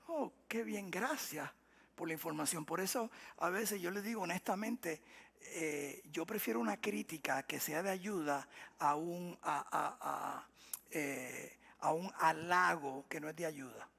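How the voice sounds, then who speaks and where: A man preaches with a high voice and a gravelly, creaky texture. He keeps asking the congregation questions and answering them himself, and swings between loud, emphatic lines and soft asides. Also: lively intonation, a little slow. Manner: call-and-response questions to the congregation. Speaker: pastor. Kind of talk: sermon.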